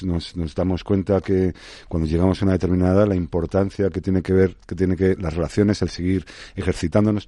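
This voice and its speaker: A man's voice: low-pitched, mellow, dry recording. A man in his sixties with a Spanish accent from Spain, a guest in a radio studio, thinking aloud in a reflective, hesitant way. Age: 60s. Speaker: guest, advertising expert. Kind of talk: radio interview.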